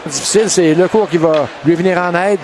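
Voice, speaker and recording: Over a very loud crowd and heavy noise, a man with a Quebec French accent delivers excited sports commentary. His voice sits high and rises into shouts as he follows the hockey play by play. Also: fairly quick. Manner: excited, shouted calls of shots and goals. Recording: noisy arena, loud crowd behind. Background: loud crowd and rink noise.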